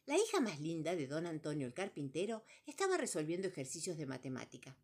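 A woman reads a children's tale in a playful, sing-song manner with a Rioplatense Argentine accent. Her voice sits on the low side yet moves widely and lively. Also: fast talker. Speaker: storyteller. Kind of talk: children's story reading.

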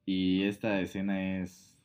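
A man's voice: low-pitched, monotone, slow pace, a little mellow. Man retelling a film plot. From Mexico. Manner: storytelling with many fillers. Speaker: podcast co-host. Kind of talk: casual chat retelling a film.

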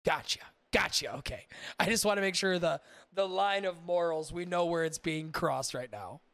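A man's voice: a little high, moderate pace, a bit bright, no room sound. A male podcast host giving casual, profane, exasperated reaction commentary.

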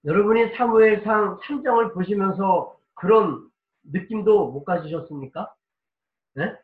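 A male pastor preaching a dramatic sermon, moving between soft pleading and forceful shouting. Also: sits high, a little slow, phone-quality sound. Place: church sanctuary. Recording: echoey room, mic at a distance.

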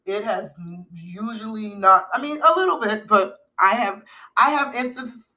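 Bright, slow-talking chatty woman. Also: mid-range voice. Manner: chatty, rambling, frequent fillers and restarts. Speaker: podcast co-host. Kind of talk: casual chat.

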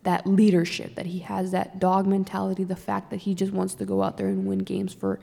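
A young woman talks casually about her team, her words tumbling out in long, emotional runs packed with "like". Her voice has a gravelly fry to it. She sits in a reverberant room, and the sound trails off with a long echo. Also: medium pitch, completely flat delivery, brisk, mellow. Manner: rambling, emotional, many "like" fillers. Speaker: sports fan podcast co-host. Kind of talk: casual chat.

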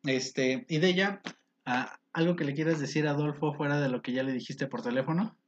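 A man's voice: fairly high pitch, a little fast, highs cut off, slight background noise. A man with a Mexican accent hosting a casual podcast, reading live comments in a teasing, mock-formal way.

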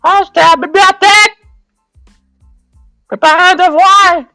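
A man's voice: very high-pitched, fairly even intonation, a little slow, sharp tone, dry recording, studio quality, faint music behind, voice pushed up, heavily acted. Man doing a meek teenage son. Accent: Québécois French. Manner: plain normal voice.

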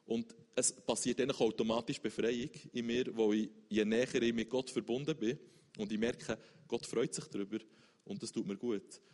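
A man's voice: mid-range voice, fairly even intonation, moderate pace, darkish tone. Earnest man in a reverberant hall. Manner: earnest, searching, many restarts. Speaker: interview guest. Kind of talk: faith testimony interview.

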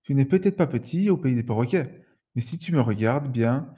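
A man voicing a big, kind horse with a deep voice who speaks calmly and kindly. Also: normal speed, husky. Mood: gentle. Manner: calm, kindly. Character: big gentle male horse, calm and kind.

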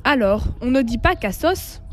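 A young Belgian woman with a Belgian French accent, working as a radio columnist, plays a teasing quizmaster in a playful mock lesson in a radio studio. Her voice sits on the high side, animated, at a normal speed, with faint music behind her.

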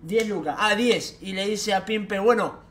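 Young Argentine guy with a high voice. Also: a little slow. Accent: Argentine Rioplatense Spanish. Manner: animated, slangy, laughs as he tells it. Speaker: streamer telling an anecdote. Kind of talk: casual storytelling.

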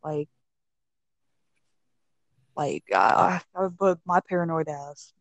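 A woman's voice: low-pitched, very animated, slow pace, creaky, no echo. A young woman from Texas telling anecdotes in casual chat, slangy and blunt, acting out what people said. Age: young adult. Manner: slangy, blunt, swears freely, quotes people animatedly.

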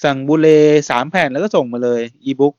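Chatty Thai podcast host, dry sound. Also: male voice, mid-range voice, brisk, no echo, highs cut off. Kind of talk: casual podcast chat.

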